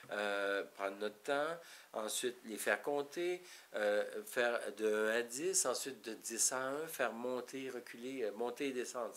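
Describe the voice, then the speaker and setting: A man's voice: mid-range voice, a bit bright. A man with a Québécois French accent giving an informal, rambling talk to parents, explaining step by step with frequent restarts. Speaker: parenting educator.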